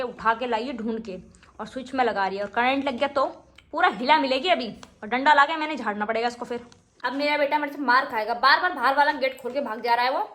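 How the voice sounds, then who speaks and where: A woman's voice: fairly high pitch, fairly bright tone. A young mother talking frankly in a casual home vlog, sometimes scolding her children, with faint kitchen sizzling behind her. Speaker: vlogger and mother. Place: home in northern India. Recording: faint background noise.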